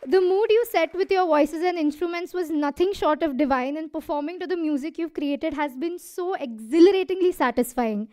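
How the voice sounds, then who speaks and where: Young dancer, Indian English, high-voiced, breathless, earnest thank-you speech on a stage mic. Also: female voice, normal speed, few pauses, a little mellow, some chatter behind. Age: 20s. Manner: earnest, laughs between lines. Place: hall stage.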